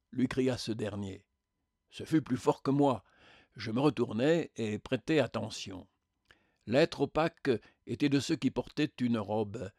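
A man narrating an audiobook in a measured, literary reading. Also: medium pitch, darkish tone, no room sound, studio quality.

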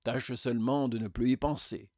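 Man doing a calm radiant spirit. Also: medium pitch, moderate pace, dry recording, studio quality, lightly acted. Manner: calm, gentle, reassuring. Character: serene radiant male spirit, calm and patient.

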